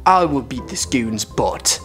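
A performer voicing a loud, cocky male weasel with a put-on British accent in a plush puppet comedy. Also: mid-range voice, animated, takes it slowly, soft background music. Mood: taunting.

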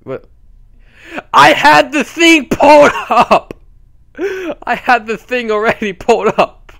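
His voice is extremely high-pitched, slow and gravelly: a young channel host casually talking through a screen-recorded tutorial. He rambles, keeps correcting himself, and gets excitable.

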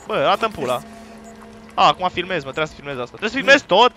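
A man's voice: high voice, big pitch swings, faint music behind. Jumpy, swearing man in horror gameplay. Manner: jumpy, profane, loud outbursts; talks to viewers while playing. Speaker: gaming YouTuber. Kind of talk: horror let's play commentary.

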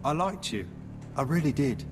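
A man's voice: medium pitch, expressive, normal speed, close to an everyday voice. An actor playing a regretful, apologetic male thug in a video game. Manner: sorrowful, apologetic. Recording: reverberant noisy game audio.

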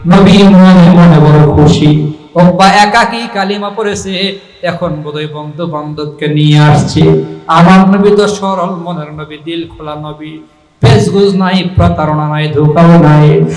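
Bangladeshi male preacher, dramatic storyteller who acts out his characters, lifts into chanting, high-pitched, echoey loudspeaker sound. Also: steady tone, measured pace. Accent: Bangladeshi colloquial Bengali. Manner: rising singsong chanting at emotional peaks. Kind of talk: Bengali waz sermon storytelling. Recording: echoey public address sound.

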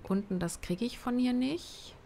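A woman's voice: fairly high pitch, a little slow, creaky, warm tone. A woman giving casual let's play commentary, muttering and thinking aloud as she plays. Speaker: gamer, let's player. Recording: game sounds behind the voice. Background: noisy video game ambience.

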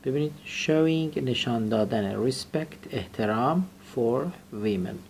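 A man teaches English words in a classroom lesson. He repeats each word and has his student say it back. His voice has a gravelly rasp, and a faint noise sits under the recording. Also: mid-range voice, a little mellow.

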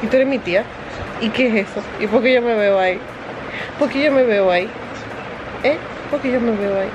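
A woman voicing her baby boy nephew in high, sing-song baby talk. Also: fairly quick, muffled recording, noisy background, natural voice. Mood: wondering. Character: cooing baby boy nephew, wide-eyed and sweet.

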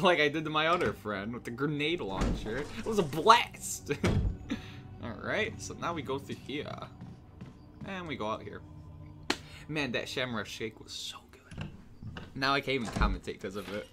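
A man's voice: medium pitch, expressive, moderate pace, over music. Jokey man commentating a game. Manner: jokey, laughs often, swears casually. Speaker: let's play gamer. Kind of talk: casual gameplay commentary.

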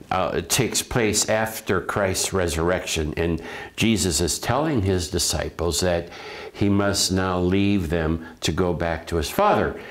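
A priest delivers a funeral homily in a gentle, reflective way. His voice sits very low, and he speaks slowly and deliberately, pausing and restarting as he gathers his thoughts.

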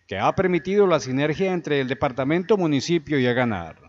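A man's voice: fairly high pitch, animated, brisk. Guy reading a tv news report, scripted, kinda muffled lo-fi sound.

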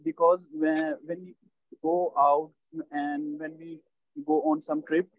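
A man with a Pakistani accent answering as a language test candidate, in halting, hesitant non-native English. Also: on the high side, level tone, no room sound, highs cut off. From Lahore, Pakistan.

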